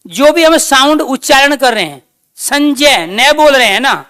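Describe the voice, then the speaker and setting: A woman teaches a grammar class at a slow, dictating pace, stopping to ask her students questions and then answering them herself. Her voice is bright and clear. The recording is dry and close. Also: high-pitched, lively intonation, dry recording. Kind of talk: online class lecture.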